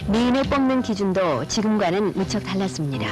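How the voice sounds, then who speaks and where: A man's voice: sits high, expressive, fairly quick. A man reading scripted narration for a newsreel retrospective. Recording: loud music under narration. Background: loud music.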